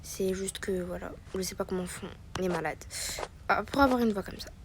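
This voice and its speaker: A woman's voice: mid-range voice, normal speed, background noise, close to an everyday voice. A woman voicing a sick young wife filming a vlog, talking weakly and tiredly, with music playing behind. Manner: weak, tired, slightly nauseous voice.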